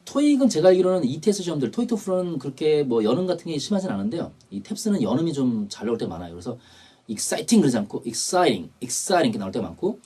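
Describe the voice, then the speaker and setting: A man's voice: mid-range voice, dark tone, breathy edge. A man teaching an English test prep lecture, explaining grammar and repeating key terms.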